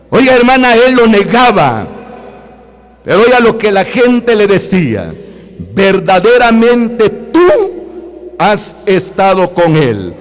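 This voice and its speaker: High-voiced preacher in a reverberant hall. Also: male voice. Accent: Guatemalan Spanish. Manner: emphatic, repeats phrases, often addresses brothers and sisters. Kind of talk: sermon. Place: church hall.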